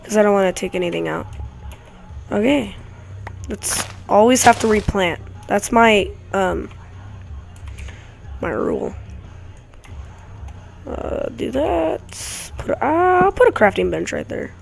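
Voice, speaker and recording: This gaming YouTuber is very animated yet measured, her medium-pitched voice gravelly over soft background music. She rambles through casual play with chatty asides to viewers, using a desk mic by a clicky keyboard in a home room where dogs are nearby.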